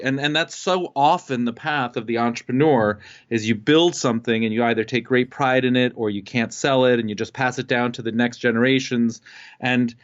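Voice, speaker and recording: A guest entrepreneur from Costa Rica with a medium-pitched voice tells his life story in a relaxed way, with many pauses and fillers. The recording sounds muffled.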